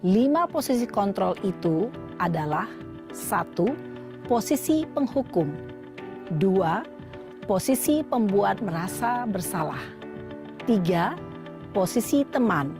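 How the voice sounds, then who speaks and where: A woman's voice: mid-range voice, very animated. Female narrator over background music. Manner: clear, measured, list-like explanation. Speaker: teacher-trainer narrator. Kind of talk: scripted educational narration.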